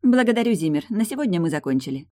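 A reader voicing a sharp-tongued young woman who teases in a languid, mocking way. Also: mid-range voice, very animated, fast talker, no echo, studio quality, pitched above the performer's own voice, lightly acted. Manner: teasing, languid.

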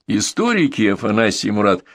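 Expressive male audiobook narrator. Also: fairly low pitch, a little fast, no room sound. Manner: expressive storytelling. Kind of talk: scripted narration.

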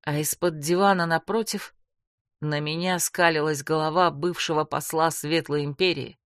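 A woman narrating a first-person fantasy audiobook with dramatic, expressive storytelling. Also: low voice, normal speed, dry recording, clean studio sound.

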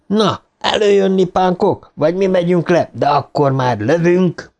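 A man's voice: high voice, vocal fry, a little mellow, voice pushed up. Stuttering boy, read by a man. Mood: mock commanding. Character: stuttering boy, gang leader.

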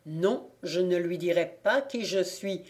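A woman reading the part of a sly, stubborn old peasant man who mutters to himself, in a slow storybook reading. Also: sits high. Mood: wary.

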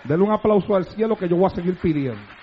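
High-pitched gravelly fervent male preacher. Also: animated, quick pace, a little hiss or hum. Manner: fervent, emphatic preaching with shouted exhortations. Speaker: pastor. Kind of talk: radio sermon. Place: church altar. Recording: dull lo-fi radio broadcast recording.

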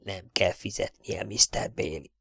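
A man voicing a brisk, kind-hearted country vet with a gruff, hurried manner of talking. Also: mid-range voice, animated, darkish tone, dry recording, clean studio sound, close to an everyday voice. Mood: furtive. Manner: gruff and hurried, often dropping to a furtive whisper.

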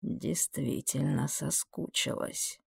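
A woman voicing a menacing, sardonic male demon who hisses his lines low and slow. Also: fairly even intonation, creaky, darkish tone, slightly rough, no echo, studio quality, heavily acted. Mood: mocking.

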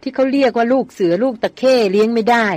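A woman's voice: fairly high pitch, quick pace, darkish tone, no room sound, close to an everyday voice. A woman reading aloud as a blunt grown man who teases and grumbles. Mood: teasing.

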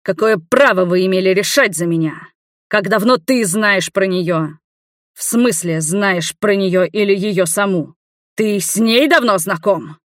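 A woman voicing a distraught man with a weak heart, shouting in slow, heavy anguish in an audiobook. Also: mid-range voice, no room sound, studio quality, close to an everyday voice. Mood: angry phone rant.

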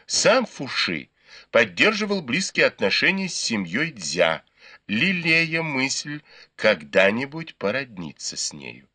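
A man narrating a classic novel as an audiobook, in measured storytelling. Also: medium pitch, sing-song, pushed and bright, husky, no echo. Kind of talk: scripted narration.

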